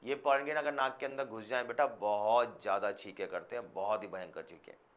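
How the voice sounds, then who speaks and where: A man's voice: lowish voice, fairly quick. A man teaching a biology lecture, who keeps checking that his students follow and mixes English scientific terms into his explanations. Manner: calls students "beta", keeps checking they understand. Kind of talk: classroom lecture.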